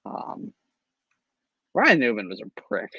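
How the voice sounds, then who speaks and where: A man's voice: lowish voice, huge pitch swings, husky, dry recording, phone-quality sound. A man hosting a casual racing podcast chat, teasing his co-hosts and joking around. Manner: joking, quick to tease. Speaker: podcast host.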